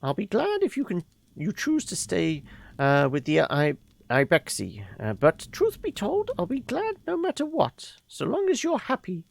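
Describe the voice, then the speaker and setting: A performer putting on the voice of a kindly old woman mentor in a game, tender, halting and reassuring. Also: mid-range voice, huge pitch swings, vocal fry, dry recording, voice pushed up, exaggerated voice.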